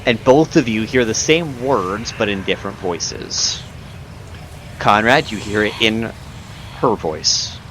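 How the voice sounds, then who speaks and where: A man running a tabletop game as game master, improvising narration and pausing to search for words. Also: fairly low pitch, expressive, a bit bright, poor audio. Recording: clear background noise.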